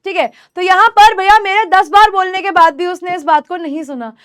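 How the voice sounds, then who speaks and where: A woman's voice: very high-pitched, brisk, a bit bright. A young woman with an Indian English accent teaching grammar in an online exam-prep lesson, explaining patiently and repeating key points to her students.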